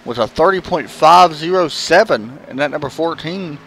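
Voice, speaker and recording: A man's voice: a little high, normal speed, creaky, fairly bright tone, slight background noise. Southern-accented man calling a sim race. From American South. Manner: casual, chatty, with frequent fillers. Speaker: race commentator. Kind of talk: live sim-racing commentary.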